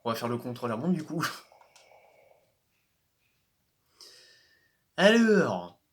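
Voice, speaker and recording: A man's voice: mid-range voice, very animated, drawn-out words. A man giving casual, hesitant commentary while playing a racing game, often restarting his sentences and chuckling. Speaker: gaming video host.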